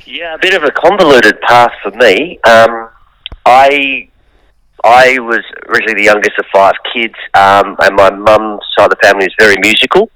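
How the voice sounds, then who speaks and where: Man, musician guest, low forceful voice, thoughtful with ums, dry close recording. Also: moderate pace, no room sound, rough recording. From Australia. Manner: open, thoughtful, many ums. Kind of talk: interview storytelling.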